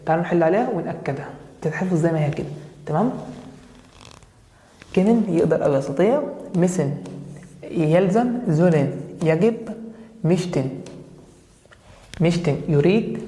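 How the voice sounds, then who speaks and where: A woman with an Egyptian Arabic accent teaching a German grammar lesson, spelling out German verb forms slowly and checking in with her students after each point. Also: lowish voice, mellow. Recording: echoey room with long reverb.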